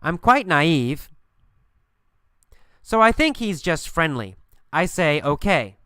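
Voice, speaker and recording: A man teaching English by telling a first-person story, slowly repeating phrases for learners. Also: fairly high pitch, sing-song, pushed and bright, clear, resonant tone, no echo, studio quality. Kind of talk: storytelling lesson.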